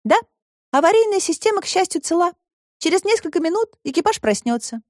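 A woman voicing a brave, kind young girl in an audiobook, speaking high and earnestly. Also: very animated, brisk, no echo, studio quality.

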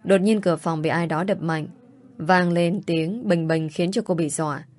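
A woman narrating an audiobook story in a steady storytelling manner. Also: lowish voice, normal speed.

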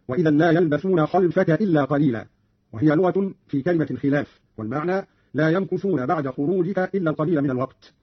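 A man presenting a formal, scholarly explanation of recitation variants for radio, in a measured and precise manner, on a dull lo-fi radio recording. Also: a little high, slightly rough, no room sound.

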